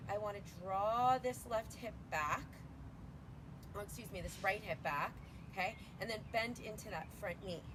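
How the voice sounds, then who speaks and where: A woman's voice: medium pitch, moderate pace, background noise. A woman teaching a yoga flow outdoors, cueing breaths and poses in a chatty, casual way. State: slightly out of breath. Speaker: yoga instructor.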